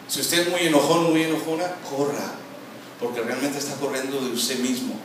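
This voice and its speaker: A male pastor preaching an animated sermon with a Latin American Spanish accent, sometimes mimicking quarrelling voices. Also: mid-range voice, normal speed. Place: church hall. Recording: very echoey hall, from far off, noisy.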